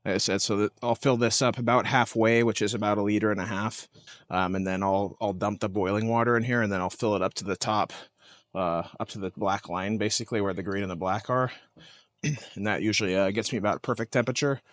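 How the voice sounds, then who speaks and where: A man with a fairly low voice chats easily at a lakeside campsite, filming his own camping vlog. He rambles a bit and fills gaps with hesitations. The sound is dry and close, with no echo around it. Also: fast. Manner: relaxed, rambling, frequent "uh" hesitations. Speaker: camping vlogger. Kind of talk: casual outdoor vlog.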